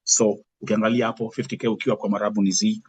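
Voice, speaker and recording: A man with a Kenyan accent hosting a casual interview, code-switching and haltingly repeating words as he frames points. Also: fairly low pitch, level tone, breathy edge. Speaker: interview host.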